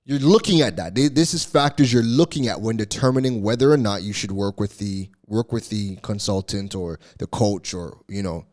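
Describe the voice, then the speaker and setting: A man's voice: lowish voice, normal speed, hardly any pauses, a little mellow. A man hosting solo commentary as a business coach, emphatic and exasperated, repeating key words for stress.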